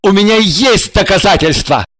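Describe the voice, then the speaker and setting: A woman's voice: mid-range voice, expressive, moderate pace, slight background noise, natural voice, poor audio. A woman voicing a desperate young husband who pleads and begs with urgent intensity. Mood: pleading.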